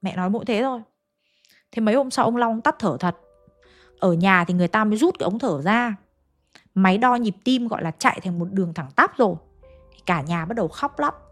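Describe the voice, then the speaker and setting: A woman's voice: mid-range voice, expressive, fairly quick, long pauses, soft background music. A woman telling a ghost story in a chatty way, turning to ask her listeners questions. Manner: chatty, addresses listeners directly. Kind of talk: oral ghost story narration.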